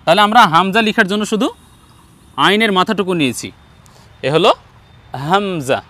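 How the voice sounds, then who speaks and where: A man with a Bangladeshi Bengali accent teaching Arabic letter pronunciation in an online Quran lesson, speaking slowly and patiently and drawing out each letter sound. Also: high voice, expressive, pushed and bright. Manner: slow, patient, drawn-out letter demonstrations.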